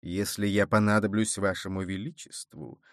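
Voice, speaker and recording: A man voicing a cunning, smooth male churchman who speaks forcefully, then in a sly, lowered way. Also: flat delivery, normal speed, dry recording, clean studio sound, close to an everyday voice. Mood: sly, courteous.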